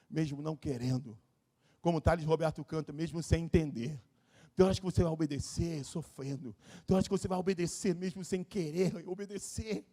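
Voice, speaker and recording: A man preaching a sermon as pastor at a live church service, swinging from low confiding talk to shouted pleas.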